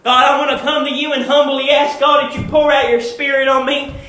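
A man's voice: very high voice, little pitch movement, bright, forceful tone, echoey room. A male preacher delivering a fervent sermon and prayer in a church, stretching out key words for emphasis. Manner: fervent, drawn-out emphatic phrasing.

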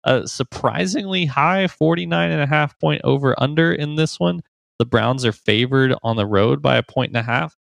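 A man's voice: medium pitch, vocal fry, a bit bright, no echo. A man co-hosting a podcast, chatting casually about football and betting lines, running through stats with easy laughs. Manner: chatty, laughs easily, quick stats rundown. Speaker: podcast co-host. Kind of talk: casual sports betting chat.

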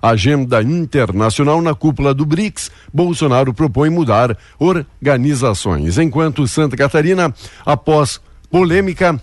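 A man's voice: a little high, expressive, moderate pace, no echo. Male news presenter, dry studio sound. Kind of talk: headline reading mixed with casual banter.

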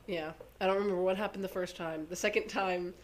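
A woman with a hoarse, congested rasp, co-hosting casually as a giggly, rambling storyteller. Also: fairly low pitch, steady tone, quick pace, noisy background. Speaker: podcast co-host. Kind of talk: casual chatty banter.

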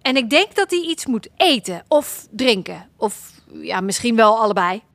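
A woman voicing a bold, chatty young girl in a children's audio story, talking lively and decisively. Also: on the high side, measured pace, gravelly, no room sound, exaggerated voice.

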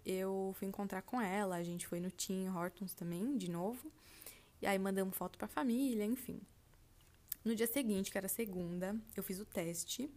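A Brazilian podcast host who is turning 20 chats casually about her trip, her medium-pitched voice a little mellow. She fills her talk with phrases like "tipo assim" and calls her listeners "gente."

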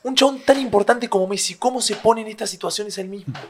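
A young Argentine man co-hosting a podcast with a voice that sits a little high. He talks in animated, slangy banter and laughs often. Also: fast. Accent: Argentine Spanish. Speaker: podcast co-host. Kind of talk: casual chat among friends.

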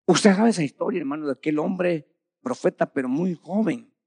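A man preaching a sermon, retelling a story with frequent calls of "hermano" and sudden swings from loud bursts to quiet drops. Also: fairly high pitch, expressive, moderate pace, creaky, husky, no room sound.

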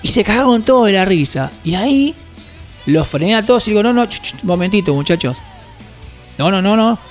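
A man in his fifties with an Argentine accent, a record shop owner telling animated, slangy anecdotes in an interview. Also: high voice, brisk, soft background music. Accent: Rioplatense Spanish. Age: 50s. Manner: animated anecdotes, slangy, acts out quoted voices. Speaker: guest, record shop owner and metal musician. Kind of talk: casual storytelling interview.

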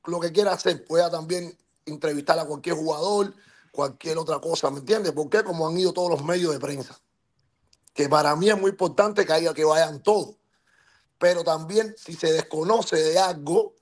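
A man's voice: on the high side, normal speed. A man with a Cuban accent speaking as a podcast guest, passionate and emphatic, who keeps checking that he is understood and pushes on to hold the floor. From Cuba. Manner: insistent, interrupts to hold the floor. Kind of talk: heated podcast talk.

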